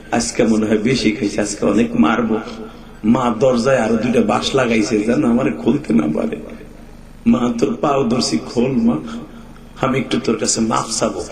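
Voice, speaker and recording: A man preaching an Islamic sermon to a large outdoor crowd, in a sing-song chant that climbs into shouting. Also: mid-range voice, a little hiss or hum. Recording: echoey outdoor sound system.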